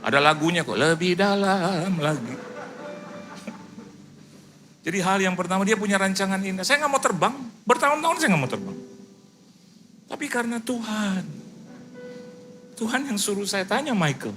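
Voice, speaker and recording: A middle-aged Indonesian man preaching a sermon, animated, acting out dialogue in lively quoted voices. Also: sits high, brisk, pauses often, over music. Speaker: pastor. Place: church service.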